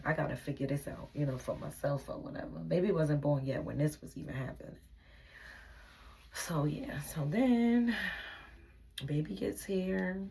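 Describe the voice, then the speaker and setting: A woman's voice: low-pitched, creaky, darkish tone, breathy edge. A young woman telling a personal relationship story in a candid, venting storytime vlog, sometimes dropping into a whisper.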